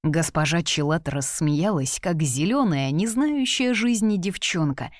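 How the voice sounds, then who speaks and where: A woman narrates a fantasy novel in an expressive, storytelling manner. Her voice sits low for a woman. The recording is dry and close, without room echo. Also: a little slow. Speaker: audiobook narrator. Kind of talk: scripted narration.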